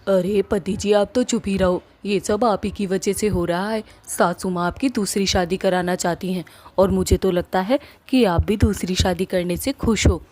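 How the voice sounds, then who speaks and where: A woman's voice: medium pitch, fairly even intonation, normal speed, darkish tone, natural voice. A woman voicing a fiery, jealous young wife in a cartoon story, scolding and emotional. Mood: accusing. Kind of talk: cartoon voice acting.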